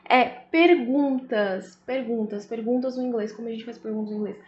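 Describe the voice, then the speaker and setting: A woman with a Brazilian Portuguese accent teaches in a casual style, slowing down to check that her listeners follow. Her voice sits a little high. The recording is roomy and a bit muffled. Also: a little mellow, slight background noise. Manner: explains slowly, often adds "né?" and "tá?". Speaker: English teacher. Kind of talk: casual video lesson. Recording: echoey room, slightly dull audio.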